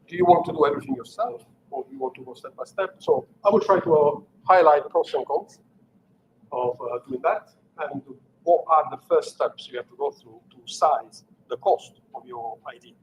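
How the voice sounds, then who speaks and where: An Italian engineering manager in middle age gives an unscripted technical talk with an Italian accent, full of fillers and restarts. His voice is a little high at a moderate pace, and the recording is muffled with slight hiss or hum.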